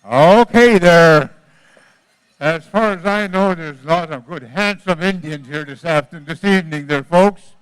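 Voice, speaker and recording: A man announces a powwow as emcee in a noticeably high, smooth voice. The sound is quite dry, and his delivery is folksy and informal, as live event announcing. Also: a little slow, dry recording, poor audio. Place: powwow at a casino event, over a PA.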